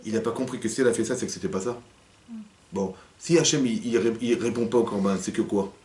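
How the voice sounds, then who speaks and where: A rabbi leads a lively, interactive Torah lesson in a community hall, animatedly acting out little scenes and questioning his audience. His voice is lowish and fast, with a crowd audible in the background. The room is echoey and the mic sits at a distance.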